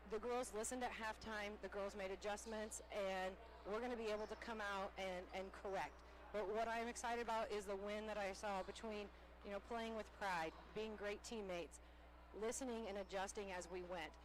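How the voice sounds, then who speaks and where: Woman basketball coach, candid and chatty, slightly winded, mid-pitch voice, loud gym noise behind. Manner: candid, upbeat, rambling with many fillers. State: slightly out of breath. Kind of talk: postgame interview. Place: high school gym after a game. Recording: noisy gym ambience.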